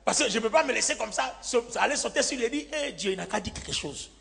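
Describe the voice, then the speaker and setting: A man preaching with a bright, tense, high voice that has a gravelly edge. He tells his story as a sermon and acts out the other people's words. A long hall echo trails after him, with faint music underneath. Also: fast. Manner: animated, acts out quoted lines, laughs often. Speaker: pastor.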